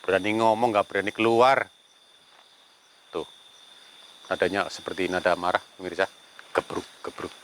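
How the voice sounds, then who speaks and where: A man's voice: low-pitched, normal speed, pauses often, fairly bright tone, a little hiss or hum. A man narrating a ghost-hunting vlog outdoors among banana trees, murmuring prayers and challenging unseen spirits. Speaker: paranormal investigator.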